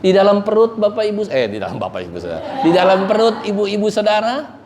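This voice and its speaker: A man's voice: sits high, wildly swooping pitch, fast, background noise. A male pastor preaching a conversational sermon, quizzing the congregation and joking with them. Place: church. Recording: echoey church hall.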